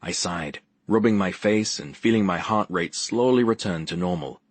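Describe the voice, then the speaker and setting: A man's voice: low voice, normal speed, slightly rough, no echo. A man narrating a first-person audiobook with a wry, dry wit.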